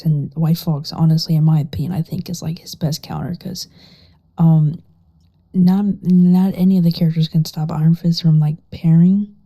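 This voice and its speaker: Hushed, barely audible woman, low and dark. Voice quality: very quiet, hushed, partly whispered voice. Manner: casual, sweary. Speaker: gaming guide creator. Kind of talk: casual gameplay tutorial. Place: living room at home.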